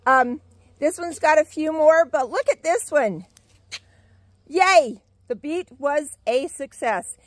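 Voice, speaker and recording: Older woman, slightly high voice, homey garden chat, dry close sound. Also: lively intonation, unhurried, no room sound. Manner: chatty and homey, with fillers and self-deprecating laughs. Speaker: gardening vlogger. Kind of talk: casual garden tour chat. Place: outdoors in a home garden.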